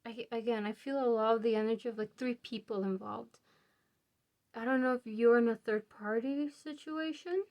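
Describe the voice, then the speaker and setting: A woman's voice: a little high, normal speed, darkish tone. A woman giving a casual pick-a-card tarot reading, chatty and musing aloud, laughing often and a bit out of breath. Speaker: tarot reader.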